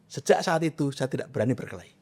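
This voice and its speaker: A middle-aged self-transformation coach appears as a guest in a conversational interview, animatedly telling personal stories and emphatically listing points. He speaks very fast in a mid-range voice.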